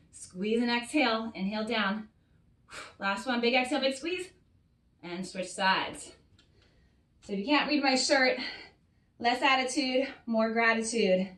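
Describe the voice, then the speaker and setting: Heard from a distant mic in a roomy space, a woman with a fairly high, somewhat bright voice gives workout instruction. She's a little breathless as she encourages the class and cues each rep and breath, her voice off-mic.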